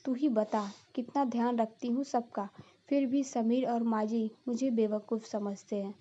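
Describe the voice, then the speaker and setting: Woman voicing a naive cartoon daughter-in-law, earnest, high mellow voice, dull lo-fi sound. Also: fairly even intonation, normal speed, close to an everyday voice. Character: silly literal-minded young daughter-in-law.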